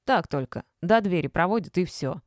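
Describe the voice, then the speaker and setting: A woman's voice: lowish voice, expressive, normal speed, no echo, clean studio sound, close to an everyday voice. A woman reading an audiobook, voicing a wary, questioning old woman who keeps a kitten. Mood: chiding. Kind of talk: audiobook character voice.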